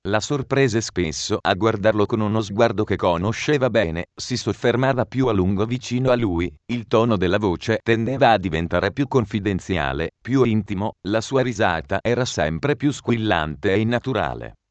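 A man reading a novel aloud in measured, even narration. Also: on the low side, no room sound. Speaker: audiobook narrator. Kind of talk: scripted narration. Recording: dry, muffled recording.

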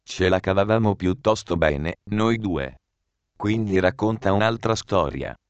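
A man's voice: low-pitched, unhurried, clear, resonant tone, dry recording, highs cut off. A man voicing a stern, protective male friend who speaks bluntly and insistently. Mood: earnest.

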